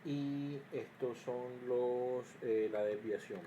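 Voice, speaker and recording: A man teaching electrical circuits speaks slowly and steadily in a medium-pitched, dark-toned voice for a screen-recorded lesson, the highs cut off and slight noise in the background. The engineering teacher goes step by step, with many fillers and restarts, sometimes muttering as he checks his work.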